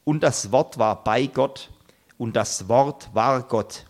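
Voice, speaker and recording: Male preacher, sermon delivery, earnest, emphatic, pausing for effect, mid-pitched voice. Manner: earnest, emphatic, with dramatic pauses.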